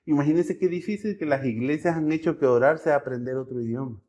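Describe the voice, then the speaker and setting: A male pastor preaching a sermon in a conversational way, often checking in with the congregation and telling lively stories. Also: fairly high pitch, fast talker. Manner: conversational, keeps asking the congregation "¿verdad?"; animated storytelling with acted-out voices and jokes.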